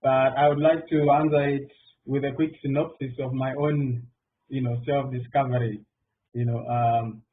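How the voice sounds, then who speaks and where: This is a round table answer from a middle-aged mathematician from Zimbabwe sitting on a panel, and his speech is cluttered with fillers and restarts. His delivery is flat, medium-pitched and moderately paced. He is far from the mic on phone-like online call audio with faint noise.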